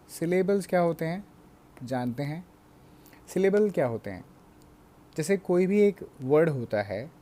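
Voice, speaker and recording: A man with an Indian English accent teaching a bilingual grammar lesson, explaining slowly and checking in with his class again and again. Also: a little high, mellow.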